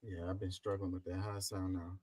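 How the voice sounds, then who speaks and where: A man hosting a casual livestream over a headset mic, his voice muffled and low as if heard through a wall, talking in a loose, drawling way. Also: little pitch movement, fairly quick, a little mellow, no echo. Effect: muffled, low sound, as if heard through a wall. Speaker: livestream host. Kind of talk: casual live chat.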